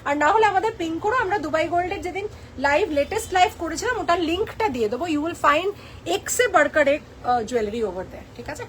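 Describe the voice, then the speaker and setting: Woman, high voice, live-stream sales chat, playful and teasing, code-switching to English. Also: expressive, a little fast, fairly bright tone, slight background noise.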